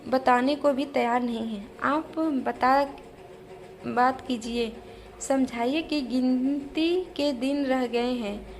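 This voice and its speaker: Woman reading a stern male principal, commanding, slow, high-pitched, storybook audio. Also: slight background noise. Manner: strict, commanding.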